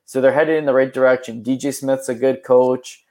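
A man's voice: mid-range voice, fairly even intonation, moderate pace, mellow. Rambling young man on a sports podcast. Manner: rambling, frequent "like" fillers. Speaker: podcast co-host. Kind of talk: casual sports chat.

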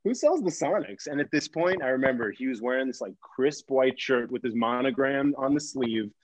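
A man on a podcast telling a story in an animated, casual way, saying "like" a lot and acting out the voices. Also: medium pitch, normal speed, dry recording. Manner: excitable, heavy use of "like", acts out voices.

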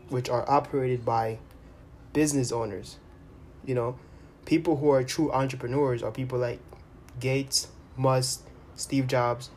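A man hosting a solo motivational podcast, speaking earnestly and deliberately, often repeating and rephrasing his phrases. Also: mid-range voice, darkish tone, a little hiss or hum. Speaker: podcast host.

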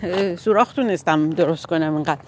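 A woman voicing a rabbit who eagerly boasts about his strong, sharp teeth. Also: lowish voice, a little hiss or hum, voice pushed down, close to an everyday voice.

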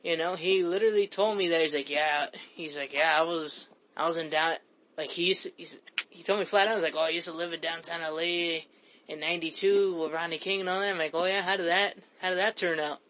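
A man's voice: a little high, fairly even intonation, a little fast, bright, forceful tone, rough recording. A man hosting a casual chat, rambling with frequent stammered restarts. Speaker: host.

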